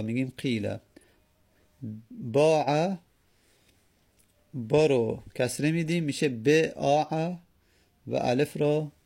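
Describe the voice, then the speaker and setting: Gravelly man teaching Arabic grammar. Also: medium pitch, a little mellow. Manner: patient, repeats words, sounds out examples slowly. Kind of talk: explaining Arabic grammar in Persian.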